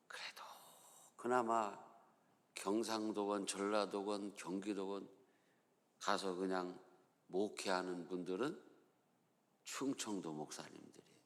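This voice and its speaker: A man's voice: fairly low pitch, gravelly, in a large hall. A male pastor with a Chungcheong accent, preaching a sermon in a folksy, storytelling way in a church. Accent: Chungcheong Korean. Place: church sanctuary.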